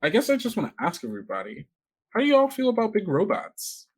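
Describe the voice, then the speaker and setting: Rambling and stammering with small stumbles, this actual-play podcast host and game master keeps things casual and chuckles often. His husky voice is high-pitched and fast, with huge swings in pitch.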